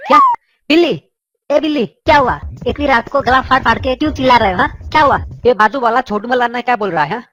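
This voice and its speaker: A woman doing gruff cartoon boss Billa Anna. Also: fast, a bit bright, slight background noise. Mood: shouting. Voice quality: insulting, barking, slangy. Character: gruff short-tempered male neighbor boss Billa Anna. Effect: high pitch-shifted cartoon voice.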